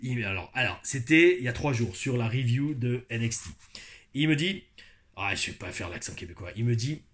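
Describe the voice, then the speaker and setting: A man from France hosting a review show, talking in an animated, chatty way and laughing often. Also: mid-range voice, normal speed. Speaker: host of a wrestling review show. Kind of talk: casual chat.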